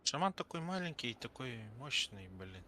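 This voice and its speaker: A man's voice: medium pitch, very animated, normal speed, pushed and bright. A man streaming a video game, explaining things in casual chat. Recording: faint background game noise.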